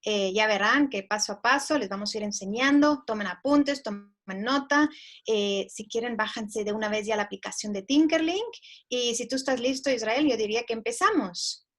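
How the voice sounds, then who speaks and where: A woman hosts an online class, introducing the teacher and encouraging the viewers to take notes. Her voice sits a little high and stays upbeat. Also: moderate pace, a bit bright. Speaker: session host.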